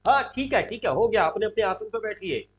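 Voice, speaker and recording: A man voicing a divine prince who calmly commands a royal court, repeating short phrases with emphasis. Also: sits high, a little fast, lo-fi sound. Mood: soothing.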